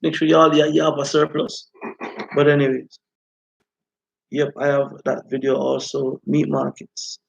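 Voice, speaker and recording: Guy doing live rasta style commentary, creaky voice, kinda dull lo-fi audio. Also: mid-range voice, monotone, normal speed, long pauses. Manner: repeatedly checks listeners follow. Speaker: host of a live talk stream. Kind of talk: informal live commentary, reading out viewer comments.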